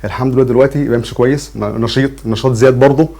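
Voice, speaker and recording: A man's voice: mid-range voice, steady tone, racing, vocal fry, mellow. A man in his fifties with an Egyptian Arabic accent, an earnest and grateful talk show guest. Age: 50s. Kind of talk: casual TV interview.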